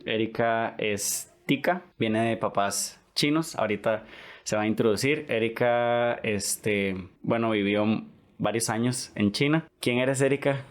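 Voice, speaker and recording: A young Costa Rican man hosts a casual podcast interview, chatting away and sprinkling his talk with "¿verdad?" again and again. He speaks unhurriedly at a medium pitch.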